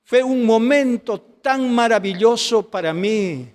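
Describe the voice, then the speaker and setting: A high-voiced man preaches his own testimony with fervent, pleading emotion, often addressing the listener as brother. His voice rings out in a hall with long reverb. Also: animated, slow pace. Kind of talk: testimony sermon.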